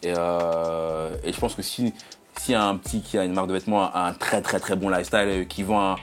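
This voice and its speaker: Fields: Man, middle-aged. Role: guest on a chat show. Pitch: low. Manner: relaxed, slangy. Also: fairly quick. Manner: relaxed slangy talk, repeats "c'est ce que je veux dire". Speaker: guest, clothing brand founder. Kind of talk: casual interview chat.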